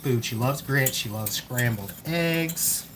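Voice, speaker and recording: A man's voice: mid-range voice, lively intonation, slow pace, heavy background noise. A man talking through a recipe in his home kitchen, easygoing and explaining each step while chatting with his child. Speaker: home cook streaming a recipe. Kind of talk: casual cooking demonstration. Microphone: phone camera. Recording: kitchen clatter and a screaming parrot behind.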